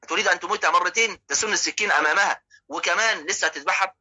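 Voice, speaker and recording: A man with an Egyptian accent teaches a religious lesson, breaking each point down and firing rhetorical questions at his listeners. His voice is tense and bright with a husky edge, and he sits a little above the usual male pitch. He talks at a racing clip. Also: very fast, rough recording. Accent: Egyptian Arabic. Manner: explanatory, poses rhetorical questions and checks in with listeners. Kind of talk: religious lesson explaining hadith.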